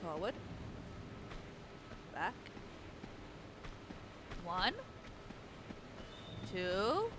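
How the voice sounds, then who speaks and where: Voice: medium pitch, big pitch swings, very slow, pauses often, noisy background. A streamer chatting casually over live gameplay, swearing freely and joking at their own expense. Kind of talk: casual live game commentary.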